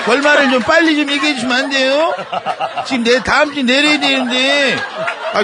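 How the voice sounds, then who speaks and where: A man's voice: very high voice, noisy background, voice pushed up. A man voicing an impatient middle-aged woman on a bus, pleading in a whiny raised voice.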